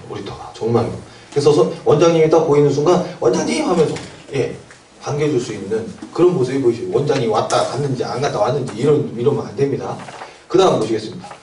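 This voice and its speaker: A man's voice: medium pitch, mellow, slight background noise. A man giving a seminar lecture to academy owners, often asking the audience questions and answering them himself. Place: lecture room. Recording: echoey room, mic at a distance.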